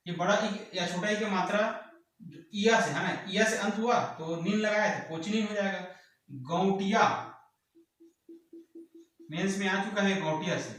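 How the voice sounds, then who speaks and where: A man teaches an exam-prep grammar lesson. He repeats each word and asks the class for the answer, stretching it out slowly. His fairly high voice comes from far off the mic in a very echoey room. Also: a bit bright. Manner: repeats words and quizzes students, drawn-out answers.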